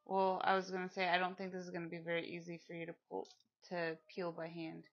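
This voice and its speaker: A woman guides a helper step by step through a casual, chatty cooking tutorial in her home kitchen, speaking fast in a lowish voice with completely flat delivery. The audio is dull, and dishes, utensils and cutlery clatter and clink throughout.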